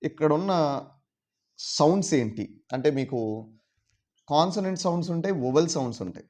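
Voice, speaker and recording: A man teaching English in a casual video lesson, explaining patiently and repeating words slowly. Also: a little high, expressive, darkish tone. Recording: dull lo-fi sound.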